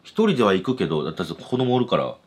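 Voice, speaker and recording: A man co-hosts a podcast in easy, casual chat. His voice sits very low yet swings widely in pitch. It has a husky edge. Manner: quick, animated reactions. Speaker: podcast co-host.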